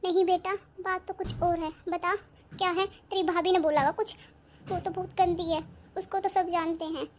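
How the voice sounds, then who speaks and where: A woman's voice: very high-pitched, flat delivery, moderate pace, slight background noise. A woman voicing a kind, motherly middle-aged aunt in a cartoon, coaxing and affectionate. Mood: comforting. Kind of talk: cartoon voice acting.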